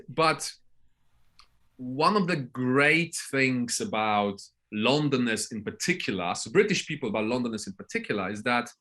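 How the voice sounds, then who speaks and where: A medium-pitched, pushed, bright voice belongs to a Polish man in his thirties telling casual interview stories on a podcast. He's sweary and blunt in manner, tacking "right?" onto his phrases.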